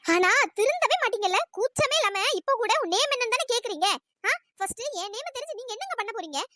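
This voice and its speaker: A squeaky, bright cartoon college girl, rapid-fire scolding, fiery temper, dry close mic. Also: animated, no echo, full character voice. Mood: annoyed scolding. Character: fiery young female college student. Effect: pitch-raised voice. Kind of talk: cartoon voice acting.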